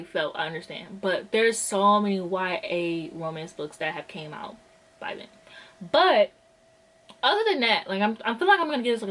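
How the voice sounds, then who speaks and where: A book vlogger talks casually in a mid-range, fairly bright voice, sounding chatty, exasperated and out of breath while leaning heavily on "like." The recording is rough.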